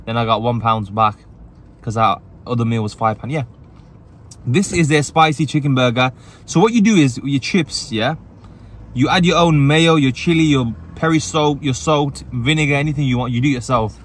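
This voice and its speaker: A man's voice: mid-range voice, normal speed. A man reviewing food in a parked car, chatty and upbeat, talking while he eats. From England. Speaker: food reviewer and channel host. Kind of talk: casual food review vlog.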